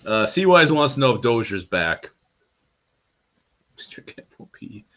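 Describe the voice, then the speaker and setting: A man's voice: medium pitch, sing-song, a little slow, fairly bright tone. A man co-hosting a casual live sports show, teasing his partner and reading viewer comments aloud. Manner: teasing, laughs often, reads viewer comments. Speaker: sports podcast co-host.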